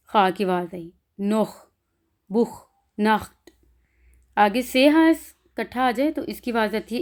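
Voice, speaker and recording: A woman's voice: fairly high pitch, darkish tone. A woman with a Pakistani accent teaching a pronunciation lesson, saying example sounds one by one and explaining them in between. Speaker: language teacher.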